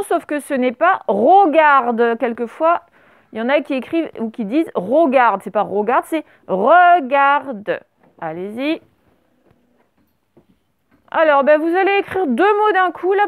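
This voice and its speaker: A woman teaching a primary class, dictating words slowly and spelling them out letter by letter. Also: high voice, no room sound. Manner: slow, over-articulated dictation of words.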